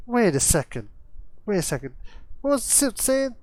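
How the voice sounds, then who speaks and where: A man doing Junkrat, manic and shrill. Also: normal speed, dry recording. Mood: excitable. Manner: wild, excitable, attempted Australian twang. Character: manic young male Australian junker demolitionist.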